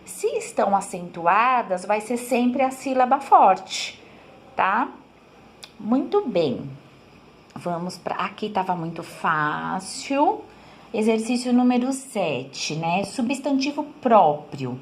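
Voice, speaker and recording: A woman's voice: mid-range voice, sing-song, slow pace, slight background noise. A woman teacher, patiently explaining a school lesson to her pupils and checking in with them often. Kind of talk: recorded remote class lesson. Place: home room, writing on board.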